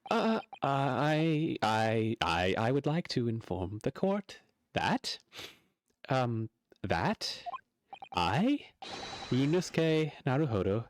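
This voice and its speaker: A man's voice: mid-range voice, sing-song, takes it slowly, no echo. A man voicing a nervous, slightly snotty young male lawyer who stammers when flustered, over game music.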